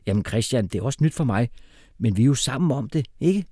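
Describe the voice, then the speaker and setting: A man voicing a calm, sensible girl who speaks reassuringly. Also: mid-range voice, no echo, studio quality, pitched above the performer's own voice, natural voice. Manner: soothing, level-headed.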